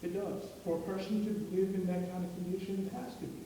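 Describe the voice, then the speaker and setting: Heard from a distance in an echoey room with faint noise, a male preaching student tells a story during a class sermon, stumbling through fillers and restarts. His high, dark voice moves quickly with little pitch variation.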